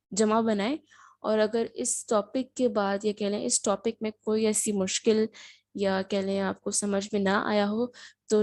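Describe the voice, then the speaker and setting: A woman's voice: medium pitch, darkish tone, no echo, studio quality. Patient woman teaching a language lesson. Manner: patient, repeats words and asks rhetorical questions. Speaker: Turkish teacher.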